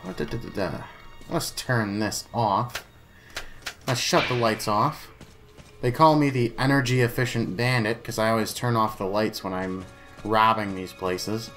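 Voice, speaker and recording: A man's voice: on the low side, unhurried, a bit bright, soft background music. A man giving casual let's play commentary, chatty and playful, talking to himself and to the enemies on screen. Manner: playful, jokey asides.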